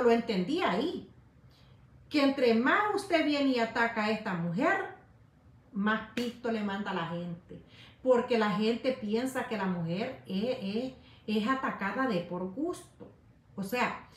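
A woman talking casually to her viewers, animated and repetitive, speaking to them directly. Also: a little high. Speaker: YouTube commentator. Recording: roomy echo.

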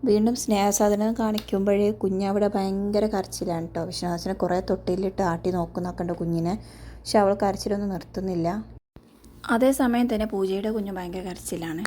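Female recap host, casual storyteller, mellow voice, middle pitch. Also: fairly even intonation, a little fast, a little hiss or hum. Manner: chatty, conversational storytelling with tag words. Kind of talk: casual retelling of a TV episode.

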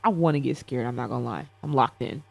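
Speaking fast at medium pitch with vocal fry, a young man gives casual reaction commentary and playfully banters with chat in slang. He's in an indoor streaming setup, with faint background music.

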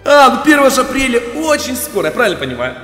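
Дразнящий молодой парень-стример. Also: male voice, extremely high pitch, sing-song, rapid-fire, soft background music. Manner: mocking, playful, loud exclamations. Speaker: game streamer. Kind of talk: teasing prank call while playing. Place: home streaming room. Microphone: headset.

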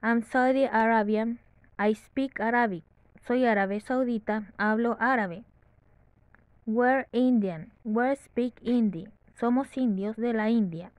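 A woman teaching English to Spanish speakers, slowly reading example sentences and translating each one, with small self-corrections. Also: on the high side, no room sound, rough recording.

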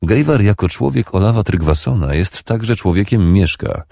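A man narrating an audiobook in a steady, even reading voice. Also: lowish voice, normal speed, creaky, no echo, studio quality.

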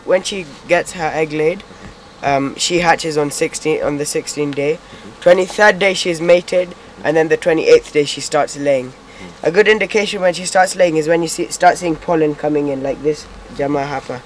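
A man's voice: a little high, moderate pace, low-quality recording. A fourteen-year-old boy, casually explaining beekeeping and mixing Swahili and English. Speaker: young beekeeper being interviewed. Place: outdoors in a leafy garden. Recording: outdoor field recording with clear background noise.

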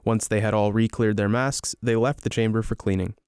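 Clear-voiced young man reporting, low and dry. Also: fairly even intonation, a little fast, darkish tone, no echo. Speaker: military news reporter. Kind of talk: scripted news narration.

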